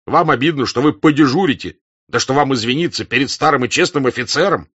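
A man playing a gruff old hussar captain. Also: mid-range voice, fast, a bit bright, muffled recording, pitched above the performer's own voice. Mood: reproachful. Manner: scolding, emphatic, fatherly. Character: gruff older male hussar staff-captain, stern, honest.

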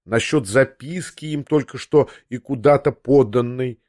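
A man's voice: mid-range voice, a little slow, darkish tone, no echo, clean studio sound. Man reading a classic novel aloud. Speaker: audiobook narrator. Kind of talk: scripted first-person narration of a classic novel.

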